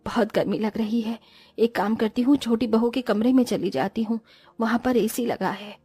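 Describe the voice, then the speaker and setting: A woman's voice: fairly high pitch, moderate pace, dark tone, slightly rough, dry recording, faint music behind. Woman playing a grumbling stingy mother-in-law. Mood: weary. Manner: bossy, grumbling. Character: stingy scheming middle-aged mother-in-law.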